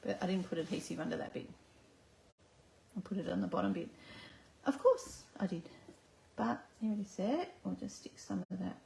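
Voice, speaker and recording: A woman's voice: lowish voice, wildly swooping pitch, moderate pace, gravelly, pauses often, a little mellow. An Australian woman giving a live card-making demonstration, chatting and talking herself through each step at her crafting table. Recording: echoey room, faint background noise.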